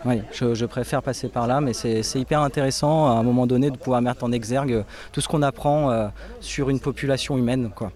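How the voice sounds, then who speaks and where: Halting man with a medium-pitched voice. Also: fairly even intonation, darkish tone. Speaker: festival-goer being interviewed. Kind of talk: casual interview.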